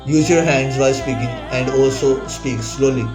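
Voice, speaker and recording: In this casual advice talk to camera, a young male student shares self-help tips earnestly at a normal speed, his medium-pitched voice holding a steady tone. He keeps saying "bro" and "like" and makes small restarts, recorded on a distant mic with nasheed vocals clearly audible behind him.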